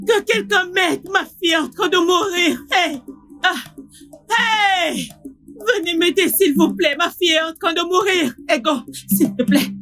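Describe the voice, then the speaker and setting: An actress dubbing a hot-tempered, scheming village mother who scolds loudly and indignantly. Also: sits high. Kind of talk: dubbed film acting.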